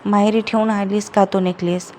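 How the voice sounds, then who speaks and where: A woman's voice: medium pitch, level tone, normal speed, a little mellow, a little hiss or hum, close to an everyday voice. Harsh older mother-in-law in a spoken story, scolding and cutting, read by a woman narrator. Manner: scolding, accusing.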